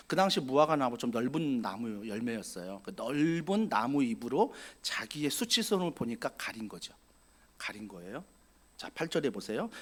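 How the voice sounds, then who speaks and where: Male pastor, sermon delivery, high and very animated, theatrical with voiced quotes, rising to forceful emphasis. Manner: dramatic, acts out quoted voices and builds to loud emphatic preaching.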